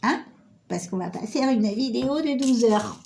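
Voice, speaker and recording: A woman's voice: on the high side, expressive, normal speed, creaky, a little mellow, a little hiss or hum. A middle-aged woman with a stuffy cold, chatty and self-mocking as she talks the viewer through a sewing project on her phone camera. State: nasal with a cold. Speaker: sewing tutorial host. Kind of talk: casual sewing tutorial.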